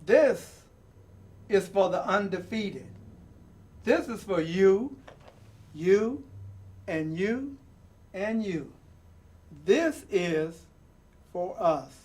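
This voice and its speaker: A man with a high-pitched voice reads a picture book aloud slowly and expressively, animated and a little mellow, adding personal asides as storybook reader and presenter. He's deliberate and emphatic, repeating phrases and using dramatic pauses.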